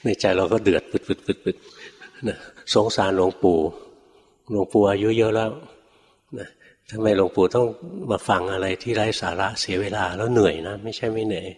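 Older monk, low voice, reverberant hall. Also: male voice, quick pace, slight background noise. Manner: animated storyteller, acts out his teachers' rebukes, chuckles often. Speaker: Buddhist monk teacher. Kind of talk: storytelling dharma talk.

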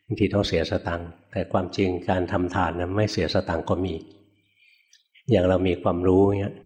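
A man's voice: low voice, fairly even intonation, brisk, a little mellow. An older man, a Buddhist monk, giving a plain-spoken, folksy dharma talk, asking his listeners questions and chuckling at his own stories.

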